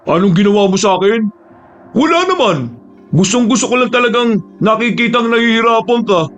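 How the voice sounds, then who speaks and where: A man's voice: very high-pitched, lively intonation, fairly quick, fairly bright tone, soft background music, voice pushed up. A man voicing a cruel young male bully who taunts and threatens in a sneering way. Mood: menacing.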